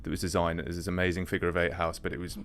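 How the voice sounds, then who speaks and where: A man hosting a studio podcast, with a low, deep voice. He asks long, rambling questions. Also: completely flat delivery, rapid-fire, fairly bright tone, a little hiss or hum. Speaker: podcast host. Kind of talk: podcast interview.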